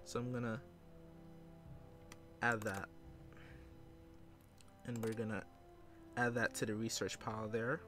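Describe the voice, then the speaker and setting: Over music, a man gives loose let's play commentary from his computer indoors, musing aloud and swearing casually. He speaks slowly in a lowish voice with little pitch movement and pauses often.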